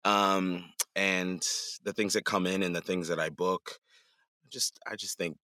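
A man with a very low voice and a bright, forceful edge talks through his work as a guest in a casual interview. He drifts and restarts his sentences as he goes. The sound is dry and close. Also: unhurried, no room sound. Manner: relaxed, rambling, many restarts and fillers. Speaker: voice actor guest.

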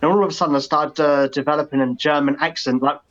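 Man, podcast guest, fairly high voice, easygoing rambling chat, slightly muffled mic. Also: fairly even intonation, quick pace.

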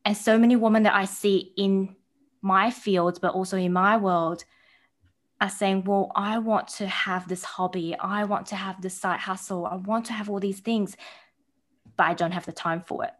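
A woman in her thirties from Taiwan with an Australian-tinged accent, chatting as a podcast guest in a bubbly, animated way. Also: mid-range voice, moderate pace. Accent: New Zealand and Australian. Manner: bubbly and animated, acting out quoted voices. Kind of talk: casual interview chat.

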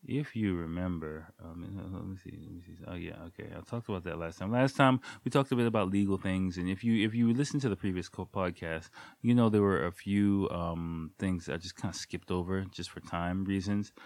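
Late at night at home, a deep-voiced man with a darkish tone talks a little fast on his solo podcast, his nose stuffy from a cold. He drifts through casual, rambling chat with plenty of ums and jokey sound effects, recorded with no room sound.

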